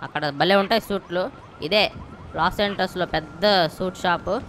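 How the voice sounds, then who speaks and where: A woman's voice: fairly low pitch, steady tone, moderate pace, fairly bright tone, a little hiss or hum. A young woman giving casual, rowdy, playful gameplay commentary and swearing freely. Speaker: gaming channel host.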